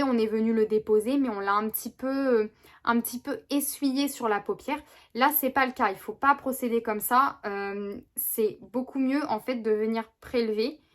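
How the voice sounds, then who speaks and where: Chatty woman explaining a makeup look. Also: a little high. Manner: chatty, rambling with many fillers and restarts. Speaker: beauty vlogger. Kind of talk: makeup tutorial chat. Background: neighbor's lawnmower.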